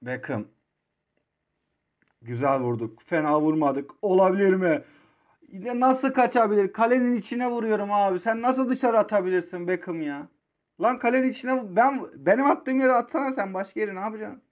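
A high-voiced young man from Turkey calls his own mobile football match live, dropping to low grumbles and then bursting into shouts. The sound is muffled and lo-fi. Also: moderate pace. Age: 20s. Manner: excitable, swings between low muttering and shouting.

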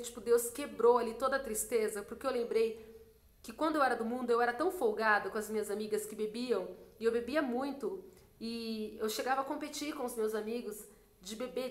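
A young woman from Brazil sharing a faith testimony in a casual, animated, emotional way. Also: a little high. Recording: roomy echo.

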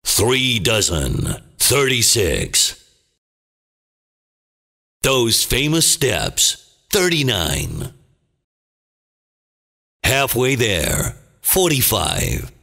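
Gravelly movie-trailer announcer calling bingo. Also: male voice, wildly swooping pitch, sharp tone, exaggerated voice. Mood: dramatic, portentous. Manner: theatrical, deliberate, clipped phrases. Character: booming, dramatic male movie trailer announcer. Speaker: bingo caller. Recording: long booming reverb.

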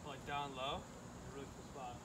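A man's voice: mid-range voice, flat delivery, moderate pace, a bit bright, slight background noise. A man bantering casually on an outdoor shoot, laid-back and joking. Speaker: photographer. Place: outdoors by train tracks.

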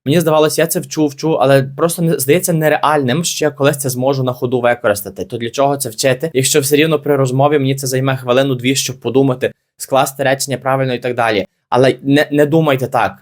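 A young man runs through a grammar lesson at a brisk clip. He explains patiently, repeats the key points and keeps reassuring beginners. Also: medium pitch, steady tone. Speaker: English teacher.

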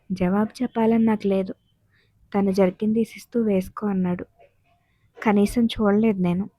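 A woman narrating a story in the first person with a calm, even delivery. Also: mid-range voice, no echo, muffled recording.

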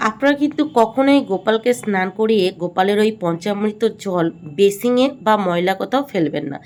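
A middle-aged woman with a Bengali accent, speaking as a home vlogger and gently explaining a home ritual step by step in a voice-over. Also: medium pitch.

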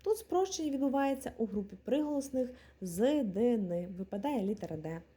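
A young adult woman teaching an exam-prep language lesson, spelling out letters and reading example words one at a time in a clear, deliberate way. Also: on the high side, lively intonation, mellow.

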